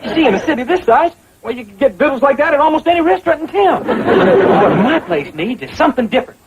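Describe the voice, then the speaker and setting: A man's voice: extremely high pitch, very animated, fast, a crowd in the background, background noise. An actor playing a naive, boastful young hillbilly man with a rural Southern drawl and a folksy, cocky way of talking. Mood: eager. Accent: rural Southern American. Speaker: restaurant owner. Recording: dull 1960s TV audio, loud laugh track.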